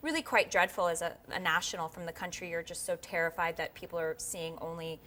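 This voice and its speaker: A woman's voice: lowish voice, a little fast, a little hiss or hum. A woman guest on a talk show chatting casually as an actress, acting out what other people said to her. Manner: animated storyteller who acts out what others said.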